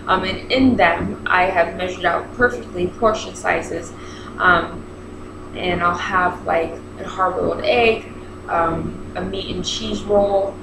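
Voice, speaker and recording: This thirty-something vlogger has braces and a fairly low voice, which she uses slowly as she chats to camera. Her style is rambling and self-interrupting, with an animated retelling that quotes dialogue, recorded in an echoey room with noticeable background noise.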